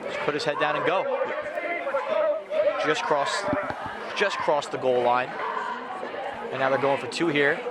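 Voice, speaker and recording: A man's voice: medium pitch, a little slow, pauses often. A man from New Jersey giving casual live colour commentary on an American football game amid stadium noise. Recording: loud crowd and outdoor stadium noise. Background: crowd and loud outdoor ambient noise.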